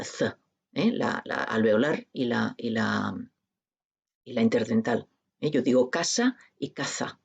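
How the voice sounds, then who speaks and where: A woman's voice: deep voice, gravelly, darkish tone, slightly rough. A woman with a peninsular Spanish accent giving a university linguistics lecture. She explains step by step and keeps checking in with her students through tag questions. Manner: addresses students informally.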